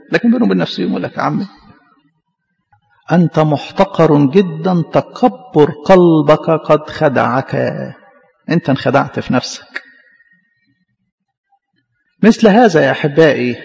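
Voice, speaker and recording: A man with an Egyptian Arabic accent, a priest preaching a sermon who acts out quoted voices and slows down for scripture. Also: a little high, gravelly, a little mellow, in a large hall, lo-fi sound.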